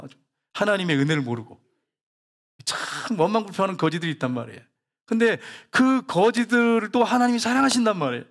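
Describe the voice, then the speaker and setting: A man's voice: high-pitched, a bit bright. A man preaching a sermon to his congregation, telling stories and asking the congregation questions. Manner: folksy storytelling, rhetorical questions, acted quotes. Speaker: pastor.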